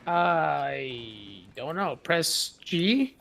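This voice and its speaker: A man hosting a casual gaming chat, excitable, with loud exclamations. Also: on the high side, drawn-out words, gravelly. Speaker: host.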